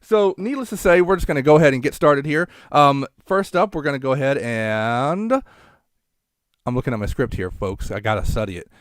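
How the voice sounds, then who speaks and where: A man's voice: mid-range voice, expressive, brisk, dry recording, studio quality. A man hosting a casual live online show, chatting in a folksy showman's way and plugging sponsors to his viewers.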